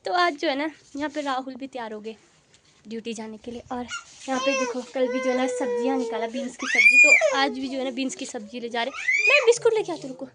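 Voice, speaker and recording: A woman's voice: high-pitched, sing-song, fast talker, heavy background noise. A young woman chatting casually in a family vlog, coaxing and scolding her small kids as she goes. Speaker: vlogger and mother.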